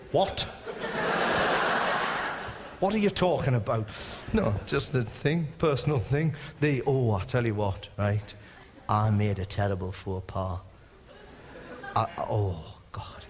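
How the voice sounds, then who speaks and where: A man from England doing rambling stand-up comedy, excitable and digressive, who often breaks into quick voices. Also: on the low side. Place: live comedy venue. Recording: long reverb and clear background noise in a venue.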